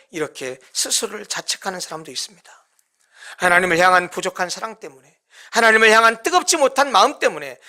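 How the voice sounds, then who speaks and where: A pastor preaching a sermon, swinging from loud to hushed whispers. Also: medium pitch.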